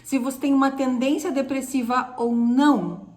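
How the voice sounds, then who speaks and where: A woman from Brazil with a high voice, co-hosting a casual mentoring talk. She speaks emphatically and instructively, often addressing her audience straight on. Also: steady tone, moderate pace, darkish tone. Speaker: co-host of a mentoring live stream.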